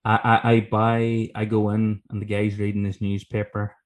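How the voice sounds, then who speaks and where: A man from talks in a fairly low voice. He tells anecdotes casually as a guest, rambling along with self-deprecating humor and plenty of swearing. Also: monotone, normal speed. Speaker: guest author telling stories from his book.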